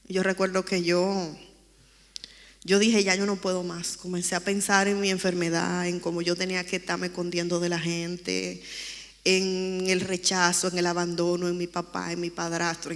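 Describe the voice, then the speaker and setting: A woman's voice: fairly low pitch, long reverb tail. A woman giving an earnest, emotional personal testimony during a church interview. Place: church sanctuary.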